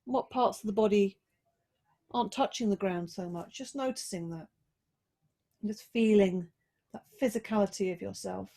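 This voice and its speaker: This is a woman yoga teacher talking people through relaxation and a body check-in, her instructions slow, soft, and coaxing, broken by pauses. Her voice sits at medium pitch and carries vocal fry.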